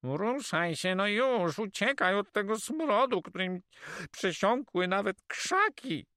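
A man's voice: lively intonation, slow pace, sharp tone, no echo, studio quality, full character voice. A man voicing a cautious, wry Catalan male companion who politely warns his friend in an audiobook. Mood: wry warning. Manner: high, polite and warning, calls him "kawalero". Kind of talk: audiobook character voice.

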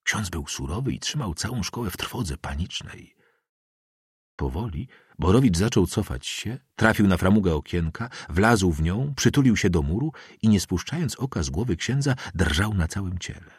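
Mężczyzna czytający powieść jako lektor audiobooka, wyważenie i ekspresyjnie. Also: male voice, deep voice, husky, no room sound, studio quality. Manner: measured, expressive reading. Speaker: audiobook narrator. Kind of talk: scripted literary narration.

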